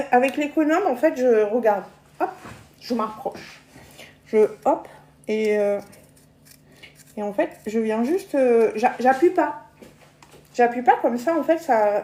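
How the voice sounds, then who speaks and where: A woman's voice: high voice, darkish tone, roomy sound. A woman hosting a live cooking demonstration from her home kitchen, chatting casually, stumbling over and repeating words, and laughing often.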